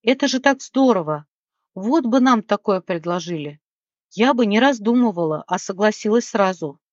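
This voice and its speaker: A woman's voice: mid-range voice, expressive, normal speed, no room sound, highs cut off, natural voice. Woman voicing a gushing, eager young wife. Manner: gushing and surprised.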